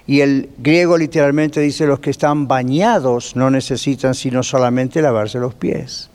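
A man teaching a Bible class as pastor, lively and conversational, putting rhetorical questions to his listeners. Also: medium pitch, normal speed. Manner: lively, asks the class rhetorical questions, drops in English phrases. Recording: long reverb of a church hall.

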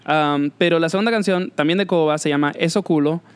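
A man's voice: on the high side, fairly quick, clean tone. A man hosting a casual interview, talking hesitantly and dropping English fillers into his speech. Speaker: host.

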